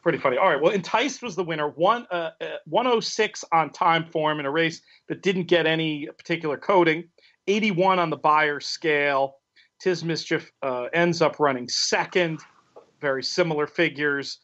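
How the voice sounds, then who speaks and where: A man's voice: on the high side, moderate pace, fairly bright tone, dull audio. Analytical man on a racing podcast. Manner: analytical, probing questions. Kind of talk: casual podcast chat.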